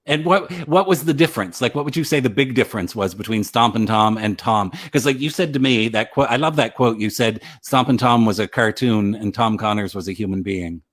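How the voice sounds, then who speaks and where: A man's voice: on the low side, a little fast, few pauses. A man hosting a casual interview, asking eager questions and laughing often. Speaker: interview host, author.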